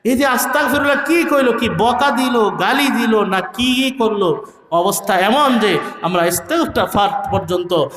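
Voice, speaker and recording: A man preaching a sermon, calling out loud peaks and singing some phrases in a rhythmic delivery. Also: sits high, echoey room. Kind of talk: Bengali waz sermon.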